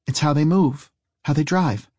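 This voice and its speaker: A brisk, old-fashioned woman driver, terse and cryptic, who keeps her answers short. A man plays her in a raised, lighter voice with a dry, close sound. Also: a little high, a little mellow, dry recording, pitched above the performer's own voice, close to an everyday voice. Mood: cryptic, calm. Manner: clipped, old-fashioned phrasing.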